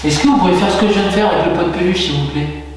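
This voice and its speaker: A slightly high-voiced man speaks in a hushed, hesitant way as he calls out to spirits during a paranormal investigation. He is recorded from a distance, and his voice rings through a large, reverberant empty building over a faint background hiss. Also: very fast, a crowd in the background. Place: large abandoned building, indoors. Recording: echoey hall, distant camera mic.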